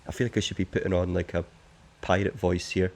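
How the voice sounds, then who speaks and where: Deep-voiced gamer, casual, jokey, talks to his audience as he plays. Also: level tone, fairly quick, darkish tone. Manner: chatty, jokey, talks straight to viewers. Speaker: game streamer. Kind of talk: casual let's-play commentary.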